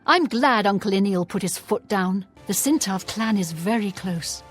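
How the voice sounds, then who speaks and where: A woman's voice: medium pitch, expressive, normal speed, faint music behind, close to an everyday voice. A woman voicing an opinionated townswoman in a fantasy game, in scripted dialogue. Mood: griping.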